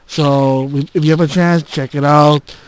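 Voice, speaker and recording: A man giving a casual gaming channel update, recorded on a handheld game console's voice recorder like a dictaphone, halting and restarting often. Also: fairly high pitch, fairly even intonation, a little hiss or hum. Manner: halting, with frequent restarts and filler words. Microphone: handheld game console's built-in recorder.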